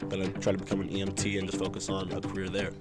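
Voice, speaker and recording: Quick-talking young man, low-pitched and casual. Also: completely flat delivery, loud music behind the voice. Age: young adult. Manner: laid-back, slangy, swearing. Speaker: amateur boxer being interviewed. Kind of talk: casual interview chat.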